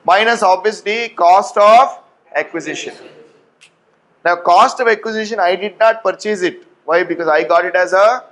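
A man in his thirties with an Indian accent, teaching in an animated storytelling way, repeating phrases and asking rhetorical questions. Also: high-pitched, moderate pace, rough recording. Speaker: tax law teacher. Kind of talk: lecture with acted-out anecdotes. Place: indoor classroom at a whiteboard. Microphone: lapel mic.

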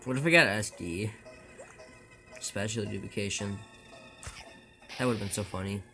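Bright-voiced man chatting on a stream. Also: fairly low pitch, a little slow, gravelly, faint music behind. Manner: rambling, joking, stammering restarts. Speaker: speedrunner streaming live. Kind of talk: casual live-stream chat with viewers.

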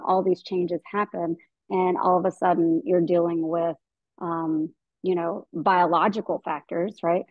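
A woman's voice: on the low side, dry recording. Earnest woman gynecologist on a video call. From American South. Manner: earnest, thinking aloud with many fillers and restarts. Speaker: gynecologist guest. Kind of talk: webinar interview. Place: indoor room at home. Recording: dull dry video call audio.

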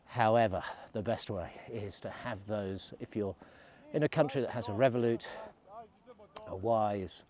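A man's voice: fairly low pitch, a little slow, a little mellow. Chatty man on a ski slope. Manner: chatty, rambling asides. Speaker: ski resort vlogger. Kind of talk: casual vlog while skiing. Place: outdoors on a snowy ski slope. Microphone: selfie camera at arm's length.

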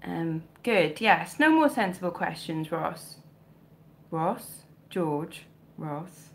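A vintage clothing reseller from South Wales, a woman in her thirties with a mild Welsh accent, hosts a live stream from her home bedroom with shelves, recorded close up on a webcam or phone. She answers comments in a chatty, joking, self-mocking way with asides. Her fairly low voice is expressive and slow, with slight background noise.

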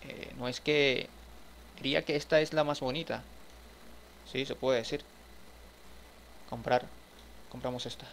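A man's voice: mid-range voice, steady tone, a little slow, gravelly, long pauses, a bit bright, a little hiss or hum. A man giving casual gameplay commentary, chatting to his viewers as he furnishes a house in a game. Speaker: gaming streamer.

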